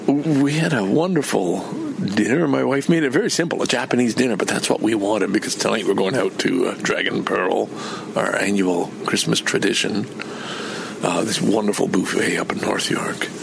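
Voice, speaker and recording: An older Canadian man rambles through a personal vlog, chatty and meandering with lots of restarts. His mid-range voice is creaky, and there's background noise.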